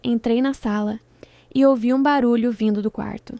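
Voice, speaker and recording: A woman narrating a scripted first-person story with a dramatic, measured delivery in short phrases. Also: on the high side, fairly even intonation, warm tone, dry recording.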